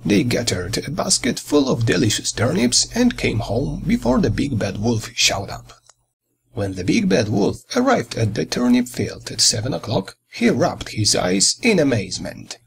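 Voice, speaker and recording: Reading a children's fairy tale like a storyteller, a man uses a dramatic, expressive delivery. His husky, gravelly voice sits in the mid-range and moves at a measured pace, with a little hiss or hum in the recording.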